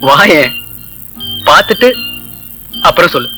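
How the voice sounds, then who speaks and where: A man's voice: on the high side, very animated, a little slow, pushed and bright, faint music behind, full character voice, low-quality recording. An actor playing a young rich man coaxing his sweetheart, in earnest, romantic film dialogue.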